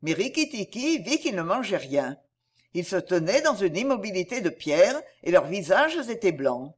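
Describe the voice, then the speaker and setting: A woman narrating a storybook in an expressive, measured reading style. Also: mid-range voice.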